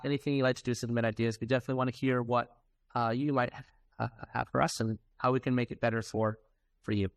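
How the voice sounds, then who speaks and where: This software developer is presenting at a technical conference, keeping things informal and conversational and tossing in casual asides. His mid-range voice is slightly bright, and the recording has no echo.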